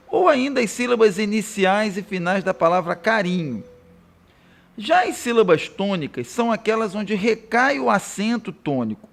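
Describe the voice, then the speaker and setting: A Brazilian man gives a recorded grammar lesson in a high, animated voice. His tone has a gravelly edge, and he slows down to spell out each example word. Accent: Brazilian Portuguese. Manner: didactic, spells out example words slowly. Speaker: Portuguese teacher.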